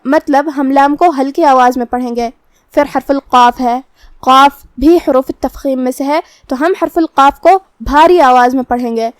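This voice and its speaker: A woman with a high voice gives a step-by-step lesson on the rules of recitation. She explains each rule calmly and in order, and draws out the recited verses slowly. The sound is dry and close. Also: no room sound. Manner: calm, methodical explanation, with slow drawn-out recitation of verses. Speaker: Quran recitation teacher.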